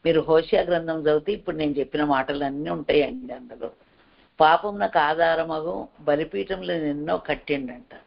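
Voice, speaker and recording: Man, preacher, earnest repetitive exhortation, gravelly voice, muffled lo-fi sound. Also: a little high. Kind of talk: sermon.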